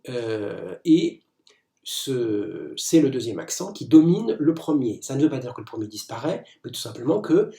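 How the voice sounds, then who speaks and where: A man's voice: medium pitch, sing-song, normal speed, gravelly, dark tone. Hesitant man lecturing, echoey room. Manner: hesitant, many fillers and restarts; explanatory, didactic. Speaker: teacher. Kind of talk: recorded lecture video.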